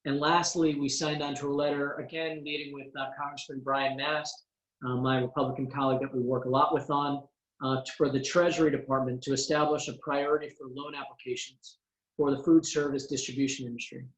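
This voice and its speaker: A man, a congressman, briefing constituents over a conference call in a measured way, pausing often on "uh" and going through items one by one. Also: mid-range voice, flat delivery. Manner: measured, frequent "uh" fillers, lists items one by one. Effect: heard over a conference call line. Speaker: congressman hosting a teleconference. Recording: roomy echo on a conference call.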